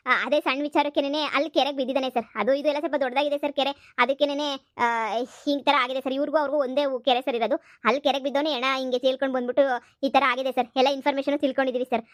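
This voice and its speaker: Lady voicing a keen cartoon constable rattling off a report, high and dry. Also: flat delivery, no echo, natural voice. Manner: eager, reporting quickly. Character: dutiful young police constable.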